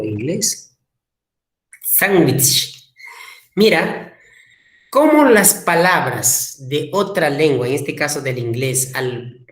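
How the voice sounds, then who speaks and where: A man teaching a language class, slowly repeating key words for emphasis. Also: medium pitch, fairly bright tone. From Peru. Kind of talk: classroom lecture. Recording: echoey room.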